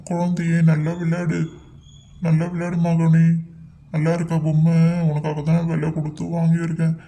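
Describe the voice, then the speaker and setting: A man voicing a worried father who is trying to calm his crying little son in a cartoon story, with a pleading, fretful manner. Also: on the high side, moderate pace, close to an everyday voice. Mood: doting.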